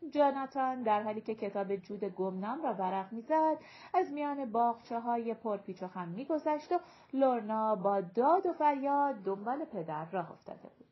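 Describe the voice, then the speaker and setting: A woman narrating a storybook in a steady, even literary reading. Her voice sits a little on the high side, and the recording sounds slightly dull and lo-fi. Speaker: audiobook narrator.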